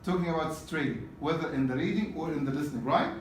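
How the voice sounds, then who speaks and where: A man lecturing a class on exam preparation, his voice sitting a bit high for a man and heard from across an echoing room. He talks in loose spoken bursts and keeps checking that students follow him. The recording is roomy, with faint noise underneath. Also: animated, fast talker, distant mic. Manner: repetitive, checks in with "okay?". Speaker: exam prep teacher.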